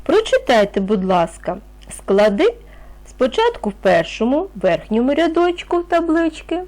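A woman's voice: high voice, sing-song, unhurried, darkish tone. A woman teaching a reading lesson to young children, patient and encouraging, asking questions and answering them herself. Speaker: primary school teacher.

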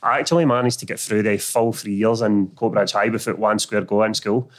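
A man's voice: fairly low pitch, fairly even intonation, brisk. A man with a Glasgow street accent telling stories in a blunt, sweary, slangy way in casual chat. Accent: Glasgow area Scottish street accent. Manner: blunt, slangy, sweary, peppered with 'mate' and 'know what I mean'. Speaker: podcast guest. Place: small indoor podcast studio. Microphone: close studio microphone on a stand.

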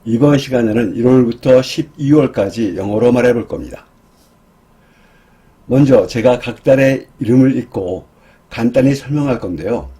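Male English teacher, low-key and unhurried, mellow husky voice, drills vocabulary one word at a time. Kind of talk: slow, careful teaching for beginners.

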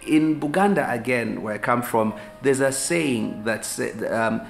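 Over soft background music, a pastor in his forties with a Ugandan accent speaks unhurriedly in a gravelly, medium-pitched voice, teaching conversationally to the camera from an indoor sofa. He gestures and repeats words as he thinks. Filmed in medium shot from a few feet away, the small room sounds echoey with a faint hiss.

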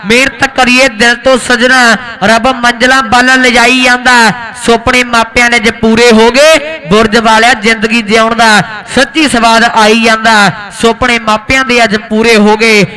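A man's voice: very high-pitched, flat delivery, normal speed, sharp tone, low-quality recording. A man with a Malwai Punjabi accent commentates live on kabaddi in a rousing, declamatory way. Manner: rousing, calls to the crowd. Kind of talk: live sports commentary with folk couplets. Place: outdoor village tournament ground.

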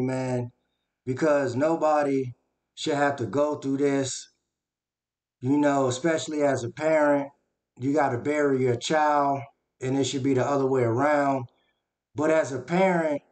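A reaction channel host speaks earnestly and casually into a desk webcam from a small home room, his voice a little high and a little mellow. He says "man" and "y'all" a lot.

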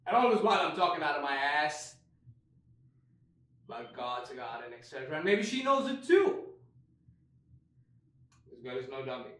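A man's voice: fairly high pitch, big pitch swings, normal speed, pauses often. An actor playing the wry, rambling ghost of a male Bengal tiger in a solo stage monologue. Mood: rueful. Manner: wry, rambling storyteller, swings loud and soft. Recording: echoey room, mic far off.

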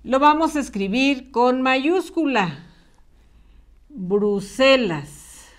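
A primary school teacher helps young children learn to spell in a slightly high, sing-song voice that rises and falls a lot. She talks slowly and clearly, with a patient, encouraging manner.

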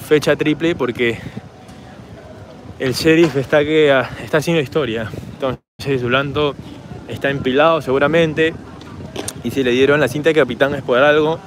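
A hoarse man with a Peruvian Spanish accent rambles on in a casual walking vlog and speaks to his handheld camera at night. His voice sits at an ordinary mid pitch. Faint city traffic hums in the background. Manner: chatty, rambling, talks straight to camera while walking. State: hoarse from shouting. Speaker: travel vlogger. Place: city park and streets at night, outdoors.

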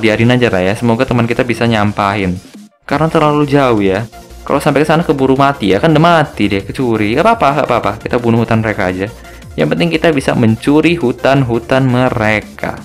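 A young man talks through a match in casual, joking commentary. His voice swings up and down a lot as he teases and hurries his teammates along, with faint music playing underneath. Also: medium pitch. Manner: chatty and joking, ends phrases with tag words. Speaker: gaming video host.

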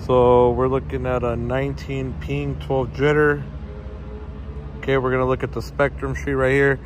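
A tech vlogger testing phone networks films on his phone at night on a city street near a stadium, casually reading speed test numbers aloud and calling his viewers "guys." His mid-range voice is relaxed and moderately paced, with passing traffic and street ambience in the outdoor recording.

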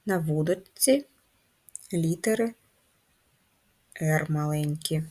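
Slow, patient woman teaching first graders. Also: sits low, darkish tone. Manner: slow, clear, instructive dictation. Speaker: primary school teacher. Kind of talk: first-grade writing lesson.

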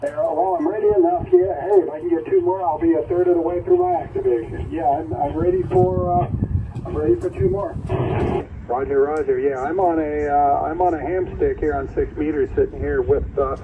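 A man's voice: a little high, lively intonation, brisk. A male ham radio operator heard over a radio receiver, chatty and eager, repeating himself as he talks. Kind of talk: casual ham radio call. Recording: tinny distant radio audio with loud static.

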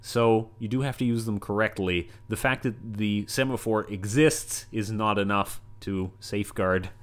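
A man's voice: fairly low pitch, measured pace, soft background music. A male university lecturer giving a recorded lecture, rambling along with many asides and everyday analogies.

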